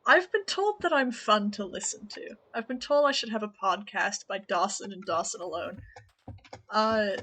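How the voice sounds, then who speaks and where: A woman's voice: medium pitch, normal speed, bright, forceful tone, husky. A woman streamer talking casually to her chat while playing a game, chatty and rambling, often laughing.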